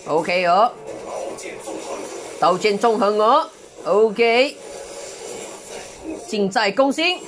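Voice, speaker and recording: A woman doing excitable live gameplay commentary, full of exclamations and mild curses. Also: medium pitch, extremely slow, pauses often, over music. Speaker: game streamer.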